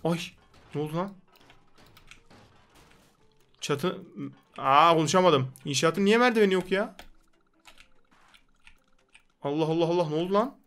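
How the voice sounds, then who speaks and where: High-voiced excitable young male gamer. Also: measured pace, pauses often, clean tone. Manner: rowdy, jokey, scolds game characters; put-on comic street talk. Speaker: gaming YouTuber. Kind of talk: excited gameplay commentary.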